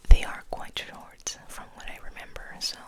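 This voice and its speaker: An ASMR host, a woman, whispers softly while reading and rambling in a hushed, gentle, unhurried way.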